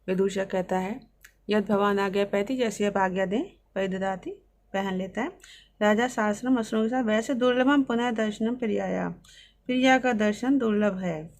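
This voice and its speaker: A woman teacher reading Sanskrit lines and explaining each one, in a steady line-by-line lesson. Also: medium pitch, moderate pace.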